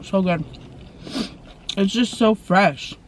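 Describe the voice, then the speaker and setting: A woman vlogger from the Portland area chatting casually while eating, with soft mumbled asides over her food. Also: mid-range voice, slow, slight background noise. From Portland, Oregon area. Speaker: mukbang vlogger. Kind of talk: casual eating-show chat.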